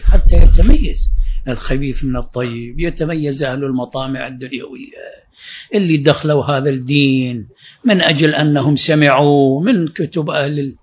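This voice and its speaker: A man giving a religious lecture, explaining verses point by point and rising for emphasis. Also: fairly high pitch. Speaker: preacher. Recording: dull lo-fi recording.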